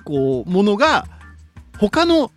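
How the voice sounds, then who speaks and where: A man's voice: high voice, takes it slowly, soft background music. A man hosting a radio show, reading listener letters and chatting about them. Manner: lively, reads letters aloud, then comments chattily. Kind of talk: casual radio talk.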